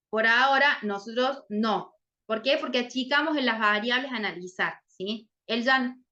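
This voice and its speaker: Bright-voiced woman explaining a lesson. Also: fairly high pitch, muffled recording. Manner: checks in often with "¿sí?". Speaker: literacy teacher explaining a case.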